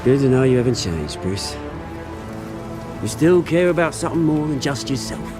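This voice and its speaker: An actor playing a cocky, volatile British rogue, a fallen heir turned revolutionary, taunting and theatrical in a video game. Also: male voice, medium pitch, big pitch swings, moderate pace, music in the background, natural voice. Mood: sly, threatening.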